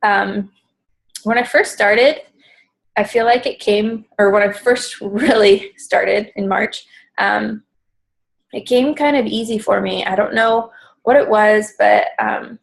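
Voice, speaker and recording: A woman's voice: medium pitch, slow, creaky, poor audio. A pregnant woman in her thirties, a little out of breath, talking casually with many ums as she leads a pre-recorded team coaching call from home. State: slightly out of breath.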